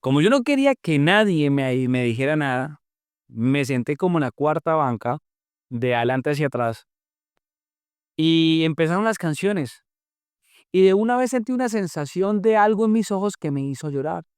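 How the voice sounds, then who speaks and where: A young man, a podcast guest earnestly retelling his faith story with emotional, drawn-out pauses. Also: fairly high pitch, animated, clear, resonant tone, no echo, clean studio sound. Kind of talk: personal faith testimony storytelling.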